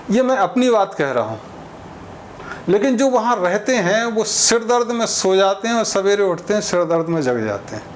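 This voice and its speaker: A high-pitched man gives an informal opinion monologue of social commentary, speaking conversationally and using everyday examples and imagined exchanges to explain his points. There is slight background noise.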